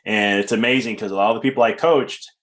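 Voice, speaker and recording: Calm, upbeat male podcast host. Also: lowish voice, fast talker. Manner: calm, upbeat, loose with fillers. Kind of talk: casual interview chat.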